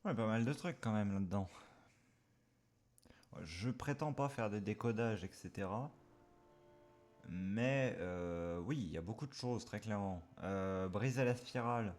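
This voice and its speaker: A male gaming streamer with a fairly low voice reacts in a casual way. He rambles and hesitates, thinking aloud, with faint music underneath. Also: expressive, measured pace, long pauses, a little mellow. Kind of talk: casual live reaction commentary.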